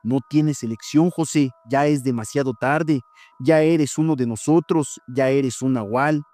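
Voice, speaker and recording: A commanding male wolf-beast from a spoken horror tale, voiced by a man, dragging his words out with slow, domineering menace. The tone is soft and mellow, close and dry. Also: medium pitch, dry recording, soft background music, natural voice. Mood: menacing.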